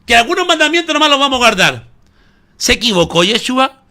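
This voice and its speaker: High, lively, bright-voiced male preacher. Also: fairly quick. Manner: emphatic preaching, calls listeners "hermano" often; asks the audience rhetorical questions. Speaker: pastor. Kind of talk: sermon.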